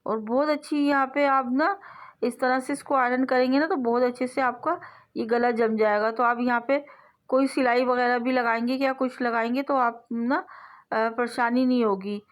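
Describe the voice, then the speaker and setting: A woman's voice: fairly high pitch, fairly even intonation, moderate pace. Patient woman explaining sewing steps. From South Asia. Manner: patient step-by-step explaining, repeats phrases. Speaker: sewing tutorial host. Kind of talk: instructional voice-over.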